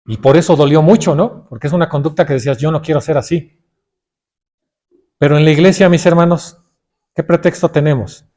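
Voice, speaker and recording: A man's voice: on the high side, brisk, long pauses, mellow. A middle-aged man with a Mexican Spanish accent preaching a sermon, often calling his listeners brothers and putting questions to them.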